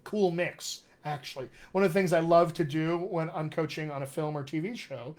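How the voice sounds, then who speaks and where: This man, originally from Colorado, USA, hosts an informal live Q&A as a dialect coach, cheerful and instructive in manner. He speaks at a moderate pace in a voice on the high side and a little mellow, with a General American accent hinting at West Texas and upstate New York.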